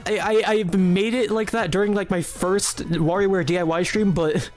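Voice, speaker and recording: Here the streamer's medium-pitched voice is steady and a little mellow, moving at a normal speed with faint music in the background. Making a game on a live stream, they ramble and giggle through casual commentary, often starting sentences over and teasing chat with mock-serious jokes.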